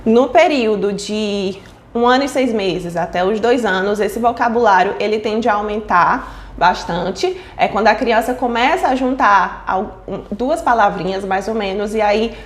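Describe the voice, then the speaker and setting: This woman has a mid-range voice and a reverberant sound. In an explanatory online lesson on child speech development, she frequently checks in with her audience using "certo?" and "tá?".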